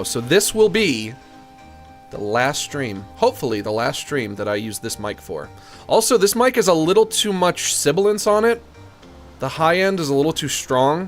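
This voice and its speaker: A man streaming and chatting casually, jokey and self-mocking, through a condenser mic with harsh hissy sibilance. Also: a little high. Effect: harsh hissy sibilance from a bright condenser mic. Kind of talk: casual chat to a live audience. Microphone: studio condenser mic.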